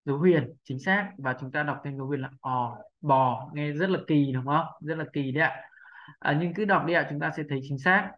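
A man's voice: a little high, muffled recording. Patient man teaching pronunciation. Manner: patient, repeats sounds slowly, asks rhetorical questions. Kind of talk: video lesson.

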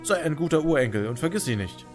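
A man voicing a calm, ageless traveller who gently consoles, in a narrated game story, speaking in a measured way. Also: a little high, faint music behind, pitched above the performer's own voice, natural voice. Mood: calm, consoling.

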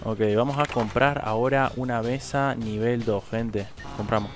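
Brief: young Argentine guy streaming a survival game, casual slangy commentary, mid-pitched voice, faint music behind. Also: fairly even intonation, normal speed. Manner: casual, slangy, talks to chat. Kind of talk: live gameplay commentary.

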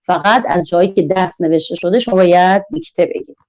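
A woman giving an online teacher-training lecture, drawing words out slowly in a sing-song teaching manner. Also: lowish voice, a little mellow, muffled recording. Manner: slow, sing-song, drawn-out teaching delivery.

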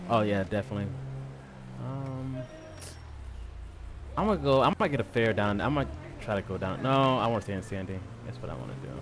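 A man's voice: lowish voice, animated, brisk, long pauses, noisy background. Laid-back slangy male game streamer. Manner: laid-back slangy talk with frequent fillers. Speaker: streamer and server owner. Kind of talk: casual gaming stream chat.

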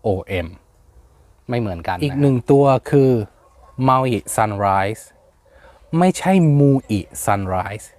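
A man's voice: medium pitch, sing-song, moderate pace, dark tone, no echo. A man hosting a plant channel, explaining names in a casual, hesitant way with many fillers and spelling words out letter by letter.

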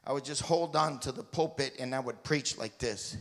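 A man's voice: medium pitch, normal speed. A man, a missionary preacher, telling a folksy, joking story to his congregation during a sermon. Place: church sanctuary. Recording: reverberant church hall.

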